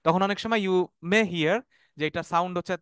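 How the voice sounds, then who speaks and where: A man teaching an online Arabic class, explaining terms slowly, repeating them and checking often that students follow. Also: high-pitched, fairly bright tone, clean tone, dry recording, clean studio sound. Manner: has students repeat words after him.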